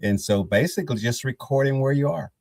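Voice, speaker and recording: A man taking part in an online class, giving a short relaxed answer with fillers. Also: mid-range voice, fairly quick, no room sound, studio quality. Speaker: class participant.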